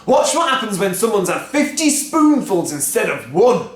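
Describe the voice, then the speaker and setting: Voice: mid-range voice, very animated, slow, pitched above the performer's own voice. A reader voicing a gleeful, mean-spirited husband who talks in a raised, mocking voice, recorded in a roomy, echoing space. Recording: roomy echo.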